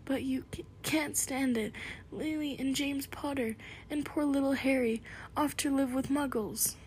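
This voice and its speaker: A woman's voice: sits high, steady tone, unhurried, a little mellow, a little hiss or hum, voice pushed up. A woman voicing a huge, shaggy male giant who sobs and stammers, in whispered role-play. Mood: tearful. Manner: sobbing, stammering.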